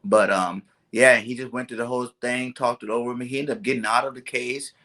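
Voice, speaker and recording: A man's voice: mid-range voice, steady tone, fairly quick, pushed and bright. A man from California hosting a casual sports podcast over a video call, laid-back and rambling with lots of "you know what I'm saying". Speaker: podcast host.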